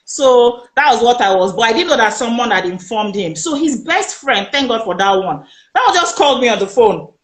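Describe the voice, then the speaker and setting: Woman, Nigerian accent, interview guest, emphatic storytelling, acts out quotes, fairly high voice. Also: brisk, roomy sound. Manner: animated, emphatic retelling that acts out quoted speech.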